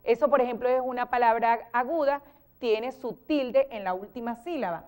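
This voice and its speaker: Clear-voiced Venezuelan teacher woman. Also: a little high, moderate pace. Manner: patient, explains with many spoken example sentences; lively, exclaims when acting out examples. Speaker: teacher guest. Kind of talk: TV interview explaining grammar.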